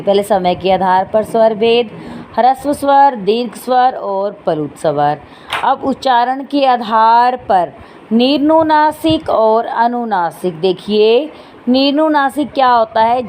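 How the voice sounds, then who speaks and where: A woman's voice: a little high, a little mellow, a little hiss or hum. A woman teaching a grammar lesson to students, spelling out sounds one at a time and often checking in with them. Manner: often checks in with "theek hai" and "dekhiye". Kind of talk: online Hindi grammar lesson.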